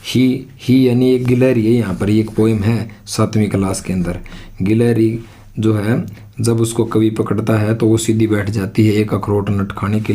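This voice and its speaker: Guy teaching english for exams, explains step by step, keeps asking himself questions, deep-ish mellow voice. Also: breathy edge. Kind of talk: exam-prep lesson.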